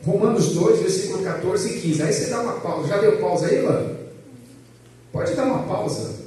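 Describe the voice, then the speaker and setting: Loud animated pastor teaching a class. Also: male voice, high-pitched. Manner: loud, animated, jokes with the class and asks them questions. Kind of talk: lively church class lecture. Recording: echoey room, voice from a distance.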